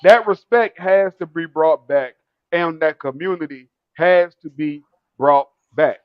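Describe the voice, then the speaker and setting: A man's voice: on the high side, a little slow, clear, resonant tone, no room sound. A man co-hosting a casual talk show, telling laughing stories about family and respect. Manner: storytelling, laughs often. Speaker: co-host. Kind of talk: casual chat. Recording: dull, slightly lo-fi dry sound.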